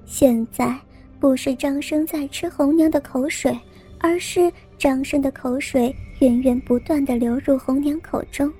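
A woman reads a scripted story in an unhurried, high, mellow voice with a warm, dark tone. Her soft, even delivery keeps the narration steady over faint, quiet music.

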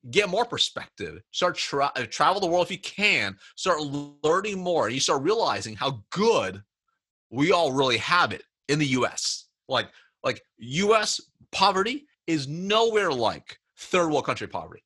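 A man's voice: a little high, big pitch swings, moderate pace, bright, forceful tone, breathy edge. A man telling a workplace story as an interview guest, acting out both sides of the dialogue. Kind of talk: casual storytelling chat.

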